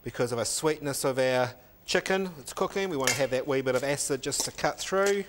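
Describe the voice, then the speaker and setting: A middle-aged man, a chef in a teaching kitchen, gives an animated cooking demonstration, explaining each recipe step while he cooks. His mid-range voice runs a little fast over background noise, captured on a lapel mic.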